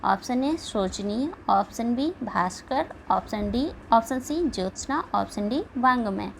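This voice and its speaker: A woman with a fairly high, gravelly voice leads an exam-prep spelling lesson at a measured pace, reading the answer options one by one. After each point she steadily checks in with her students using a repeated "ठीक है". The audio is poor, with slight background noise.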